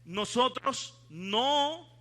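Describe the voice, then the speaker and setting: A man's voice: very high-pitched, lively intonation, very slow, a bit bright. A male pastor preaching a sermon in church, questioning the congregation and leading responses. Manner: asks the congregation questions, leads call-and-response.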